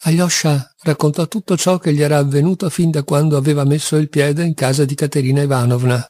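A man narrating a classic novel as an audiobook reader, measured and expressive. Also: on the high side, no echo, clean studio sound.

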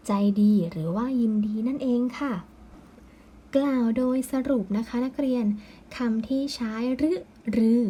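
A woman teacher giving a patient, slow recorded lesson, ending her phrases with polite particles. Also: on the high side, dark tone, a little hiss or hum.

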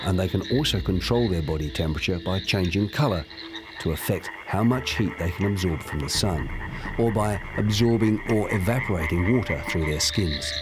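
A man reading scripted nature documentary narration in a measured, storytelling manner. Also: low voice, noisy background.

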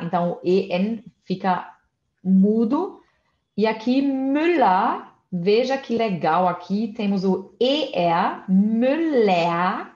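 A woman's voice: mid-range voice, darkish tone, reverberant, lo-fi sound. A woman teaching German in a casual online lesson, spelling out letters and explaining pronunciation step by step.

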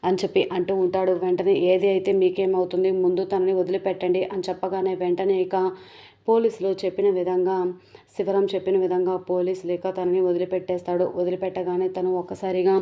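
A woman's voice: fairly low pitch, monotone, brisk, highs cut off. A woman retelling a TV serial episode, speaking the characters' lines in quotes without acting them out. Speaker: serial recap narrator.

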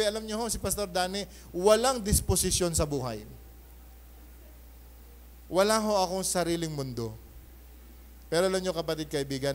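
A male pastor preaching a Sunday sermon in mixed Tagalog and English, animated, often calling for an amen and shifting between loud bursts and soft asides. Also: sits high, slight background noise. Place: church.

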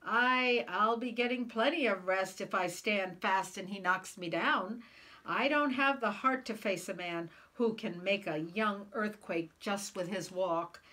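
A woman's voice: mid-range voice, bright, forceful tone. A woman voicing a nervous, timid giant man as she reads a storybook aloud, fretful and protesting.

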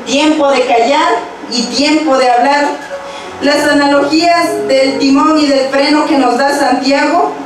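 A young woman preaching a sermon at a church pulpit with a handheld mic, reading scripture verses aloud in a steady, measured way. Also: high voice. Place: church stage with pulpit and instruments. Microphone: handheld microphone. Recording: very echoey church hall, from far off.

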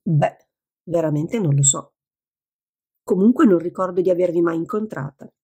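A woman with a gravelly, husky voice voicing an irritable, stubborn older woman in a care home, in an audiobook. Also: lowish voice, moderate pace, dark tone.

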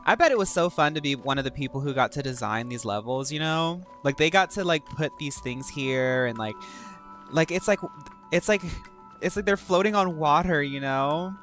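A woman's voice: low-pitched, expressive, normal speed, fairly bright tone. A woman giving casual, theatrical game commentary, full of playful jokey asides. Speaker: game streamer. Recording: game music behind the voice.

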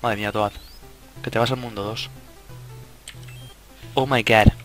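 A man's voice: fairly low pitch, fairly even intonation, unhurried. A young man with a Spain Spanish accent giving casual let's play commentary, swearing and cutting himself off mid-sentence. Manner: casual, swearing, self-interrupting. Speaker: gaming YouTuber. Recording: game music behind the voice.

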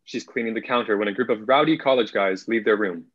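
Talking fast in a lowish voice, a young adult man narrates stage directions from a screenplay. He's indoors on a video call, and the audio from his computer mic sounds muffled.

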